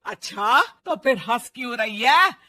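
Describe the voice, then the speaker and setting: Woman doing a scolding older mother-in-law, cartoon story, bright sharp tone, slow and bossy. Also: fairly high pitch, animated, full character voice. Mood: taunting. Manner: scolding, bossy, shouts orders.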